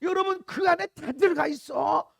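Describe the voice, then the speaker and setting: A middle-aged male pastor preaches with a strikingly high, gravelly voice. He swings between shouted cries and hushed murmurs. The sound is close and dry, with almost no room echo. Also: moderate pace. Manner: impassioned preaching, shouting out prayers then dropping to a low murmur. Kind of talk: sermon. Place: church sanctuary.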